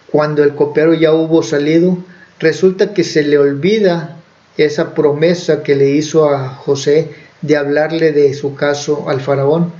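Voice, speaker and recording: A man's voice: a little high, dark tone. A man preaching, who retells a Bible story in a conversational way with fillers and self-corrections. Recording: dull lo-fi recording.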